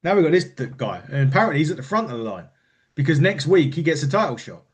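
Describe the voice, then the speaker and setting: A man co-hosting a podcast in casual chat about wrestling, rambling and animated, often laughing and restarting sentences. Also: on the high side, fast. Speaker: podcast co-host.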